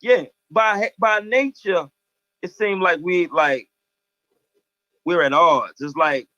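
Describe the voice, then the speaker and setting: A man in his thirties with an American accent chats earnestly and anecdotally in slangy, casual speech over a video call from an indoor room. His voice sits high and sharp, he takes it slowly, and the lo-fi call audio sounds dry and dull.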